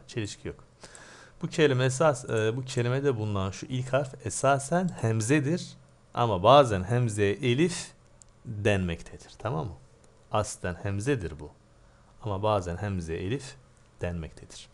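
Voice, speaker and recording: A man teaching Arabic grammar in a lesson, asking questions aloud and answering them himself. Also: on the low side. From Turkey.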